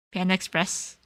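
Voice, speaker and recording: A woman's voice: medium pitch, husky, no echo. Young cali woman hosting a chill stream, flips between japanese and english, giggles a lot, dry close mic. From California. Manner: switches between Japanese and English, chatty, laughs often. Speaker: livestream host. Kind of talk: casual chat answering viewers.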